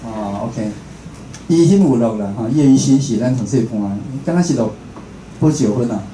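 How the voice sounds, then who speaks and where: With a warm, medium-pitched voice, lively intonation, and normal speed, a Taiwanese-accented man speaks casually at a public talk, a radio host and producer who often caps phrases with a little confirming tag. The indoor venue has a seated audience, roomy echo, and faint background noise.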